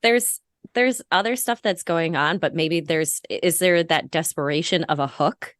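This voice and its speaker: A woman's voice: low voice, moderate pace, fairly bright tone, no room sound, clean studio sound. A woman co-hosting a podcast in casual chat, earnest and thoughtful, drawing out her points. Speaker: podcast co-host.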